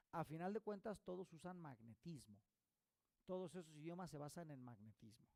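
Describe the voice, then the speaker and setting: Guy lecturing a course, gravelly voice, kinda high, asks himself questions a lot. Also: mellow, no room sound. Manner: explains with rhetorical questions and checks like "¿ok?". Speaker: holistic therapy instructor.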